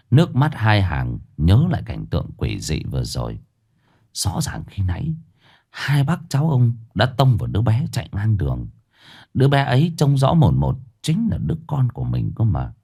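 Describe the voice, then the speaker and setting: A man narrating a ghost story in a dramatic, lively way. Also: low voice, moderate pace, vocal fry, breathy edge. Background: faint music.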